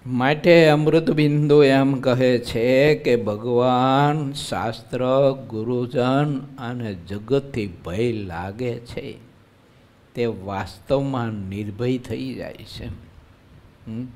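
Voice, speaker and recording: A male monk preaches to a gathered congregation in an easy, conversational style. His voice sits at an ordinary middle pitch, and he keeps turning to his listeners with rhetorical questions. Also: slow pace, a little mellow. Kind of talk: devotional sermon. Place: live religious gathering.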